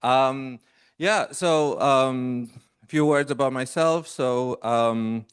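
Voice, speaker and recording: A male guest lecturer from Romania speaks in a smooth, resonant voice that sounds close and dry. He talks hesitantly, with frequent fillers and restarts. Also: medium pitch, takes it slowly, no echo. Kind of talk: academic lecture. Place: lecture room.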